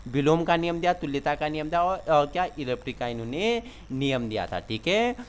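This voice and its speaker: A man's voice: on the high side, expressive, a little fast, slight background noise. A man teaching an exam-prep lecture, repeating key points and likely questions with a frequent "thik hai".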